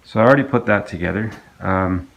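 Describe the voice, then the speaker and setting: A man with a low, gravelly voice talks through his engine repair in a casual, meandering way, often stopping and restarting his sentences. He sounds like a hobbyist narrating from his home workshop, and his voice drifts nearer and farther from the camera mic. A faint hiss of workshop noise sits underneath. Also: a little fast. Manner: rambling, hesitant, full of restarts and ums. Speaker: outboard engine restorer.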